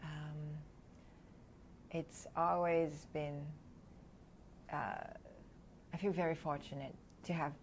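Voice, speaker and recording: A woman in her thirties from Hong Kong, a guest speaking candidly and reflectively in an interview, often laughing softly between thoughts. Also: sits low, steady tone, takes it slowly, pauses often, a little hiss or hum.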